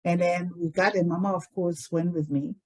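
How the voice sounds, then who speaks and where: A woman, recalling her life in a reflective, unhurried way with many pauses. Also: on the low side, steady tone, poor audio. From Liberia. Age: 60s. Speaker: interviewee telling her life story. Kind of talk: reflective personal storytelling.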